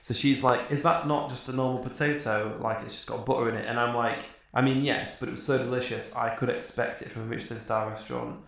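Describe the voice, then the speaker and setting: A man's voice: medium pitch, fairly even intonation, fast talker, gravelly, few pauses, a bit bright. A young man co-hosting a podcast. He rambles through a story, swears casually and laughs often. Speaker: podcast co-host. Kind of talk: casual chat. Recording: very echoey room.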